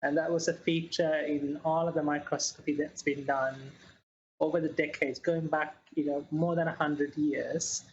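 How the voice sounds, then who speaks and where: Woman from Sri Lanka, interview guest, flat even tone, halting measured delivery, dull lo-fi video-call sound, faint hiss. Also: sits low. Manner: measured, with many fillers and restarts. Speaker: guest scientist. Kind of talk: interview answers.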